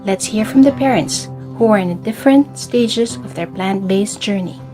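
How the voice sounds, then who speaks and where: A woman giving a scripted narration for a food segment in an even, informative way. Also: mid-range voice, moderate pace. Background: guitar music.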